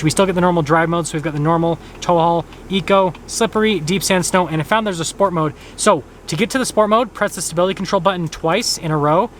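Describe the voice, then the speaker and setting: A higher-pitched man rattles through the features of a pickup in a casual walkaround review. His delivery is brisk and upbeat, with a faint outdoor hum behind him. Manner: quick, upbeat feature rundown. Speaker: car reviewer. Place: outdoors and inside a truck.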